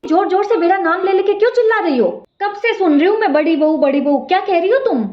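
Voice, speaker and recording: A woman playing a loud, mocking elder sister-in-law who quarrels hard, in an amateur family drama. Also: very high-pitched, fast talker. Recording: echoey room, dull lo-fi sound.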